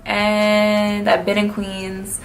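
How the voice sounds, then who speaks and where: Laid-back young New woman, vocal fry. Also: mid-range voice, monotone, drawn-out words, a little hiss or hum. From New York. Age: early 20s. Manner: slangy, blunt, laid-back. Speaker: vlogger answering fan questions. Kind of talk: casual Q&A chat.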